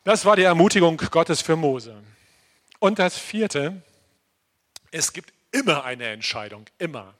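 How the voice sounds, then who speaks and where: An older man preaching a lively sermon to his congregation, often asking listeners directly whether they understand. He moves between loud, emphatic declarations and quiet asides, slowing down for key phrases. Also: on the high side. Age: around 60. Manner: animated, addresses listeners directly with frequent "verstehst du?". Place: church congregation.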